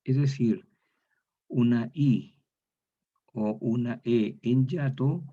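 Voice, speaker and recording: A man's voice: medium pitch, slow pace, dark tone. A man giving a methodical lecture, repeating each example word aloud. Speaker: university lecturer. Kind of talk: recorded lecture. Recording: dull lo-fi recording.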